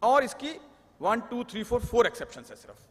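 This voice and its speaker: A man's voice: very high-pitched, very animated, a little fast, fairly bright tone, slightly rough. A man giving a live lecture on tax law, explaining with jokes and anecdotes and mixing in English terms. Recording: long hall reverb.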